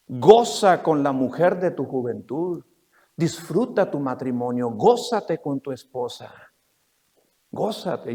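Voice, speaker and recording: An older man, preaching a sermon and telling stories, moving from loud to soft. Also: sits high. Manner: animated storytelling, swings from loud to soft. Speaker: pastor. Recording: long reverb of a church hall.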